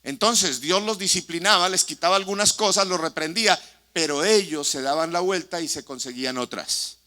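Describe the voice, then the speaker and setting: A male pastor preaching in a church, his voice a touch high and strikingly sharp and forceful. He preaches with passion and fires questions at the people in the pews. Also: normal speed. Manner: impassioned preaching, addressing the congregation with questions. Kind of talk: sermon. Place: church sanctuary.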